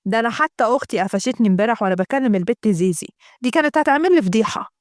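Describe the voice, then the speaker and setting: A woman's voice: on the high side, animated, very fast, no echo, studio quality, lightly acted. A woman voicing a worried young Egyptian man protesting to his friend. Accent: Egyptian Arabic.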